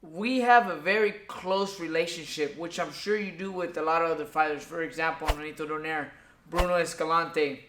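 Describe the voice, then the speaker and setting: Bright-voiced man asking long questions. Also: on the high side, fairly even intonation, normal speed, echoey room. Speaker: interviewer, a boxer. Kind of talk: interview questions.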